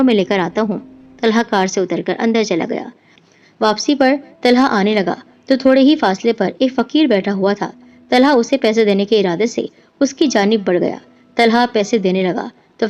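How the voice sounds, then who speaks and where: A woman reads a scripted horror story with steady, even storytelling. Her voice sits fairly high, and soft music runs under a dull, lo-fi recording.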